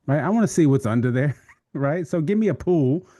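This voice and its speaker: A man's voice: on the high side, brisk, no echo, studio quality. A middle-aged man and pastor co-hosting a podcast, joking animatedly in casual chat. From Texas. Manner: animated, joking storyteller with frequent "right?".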